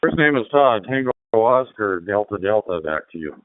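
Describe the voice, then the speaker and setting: Man, radio operator, relaxed and reassuring, heard through a fading, tinny radio transmission. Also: on the low side, normal speed, dry recording. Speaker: radio operator answering a call. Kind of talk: casual radio chat.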